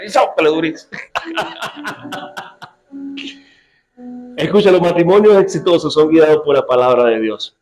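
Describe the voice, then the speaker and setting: A man's voice: mid-range voice, rough recording. A man preaching a sermon to a church congregation, joking and often asking the listeners questions. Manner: lively, joking preacher who quizzes his congregation. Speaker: pastor.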